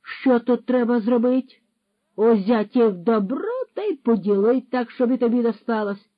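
A narrator voicing a pompous male horse thief who lectures loudly and scatters Latin words, on a dull, dry recording. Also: medium pitch, moderate pace, no room sound, voice pushed up, lightly acted. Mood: scolding. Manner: lecturing, scolding, loud.

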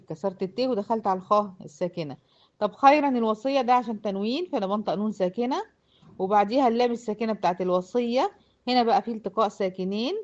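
An Egyptian-accented woman teaches Quran recitation to a class of girls, walking through the lesson step by step and often checking that they follow. Her voice is medium-pitched and a little mellow, and the recording sounds muffled.

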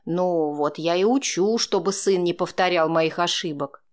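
A woman reader voicing a tired grown man, a father who speaks calmly with a wry, teasing edge, close to her own voice. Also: fairly low pitch, a little slow, natural voice.

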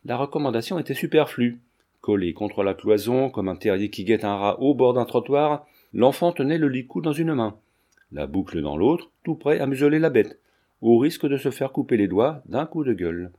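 A man narrating a classic novel in a steady, measured reading voice. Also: mid-range voice. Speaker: audiobook narrator.

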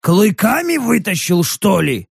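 A man's voice: high-pitched, sing-song, unhurried, vocal fry, slightly rough, no room sound, studio quality, heavily acted. A man voicing a crude, teasing male soldier companion. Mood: mocking.

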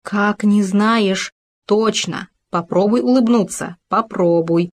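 A woman's voice: mid-range voice, slow pace. A woman voicing a clever, bossy male hamster who keeps lecturing his friend in an insistent, teasing way.

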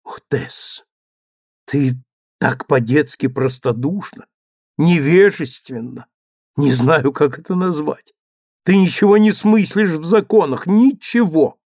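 A man's voice: mid-range voice, slow, creaky, long pauses, darkish tone, husky, no echo, clean studio sound, full character voice. A man reading the part of a stern, bitter young husband who speaks coldly and abruptly. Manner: cold, abrupt, rising to exasperation. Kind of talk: audiobook character reading.

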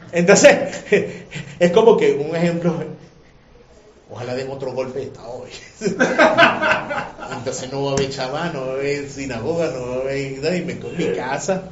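A man teaching a religious class in an animated, emotional way, often firing questions at his listeners. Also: on the high side, normal speed, a crowd in the background. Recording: echoey room, muffled lo-fi sound.

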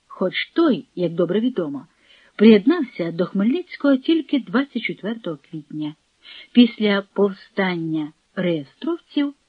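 A woman reading a historical novel aloud as an audiobook narrator, in a measured, dramatic way. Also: mid-range voice, slightly rough, dry recording, narrow, tinny audio. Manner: measured, dramatic reading with quoted dialogue voiced.

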